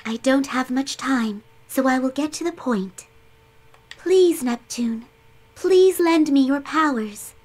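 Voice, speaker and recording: A woman voicing a gentle, formal tome spirit in a video game, polite and measured like a heavenly goddess. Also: high-pitched, animated, slight background noise. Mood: earnest pleading. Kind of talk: English video game voice acting.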